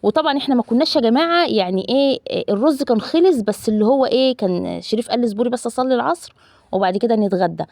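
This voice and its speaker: A family vlogger in her thirties with an Egyptian Arabic accent narrates her cooking very fast and animatedly, chatting with viewers as loved ones and using lots of fillers. Her slightly high voice is gravelly and a little mellow, recorded cleanly in a studio with no room sound.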